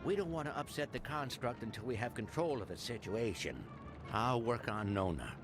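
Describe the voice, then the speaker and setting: An actor playing an earnest, animated adventure character in video game dialogue. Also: male voice, medium pitch, normal speed, music in the background, natural voice. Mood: urgent, conspiratorial.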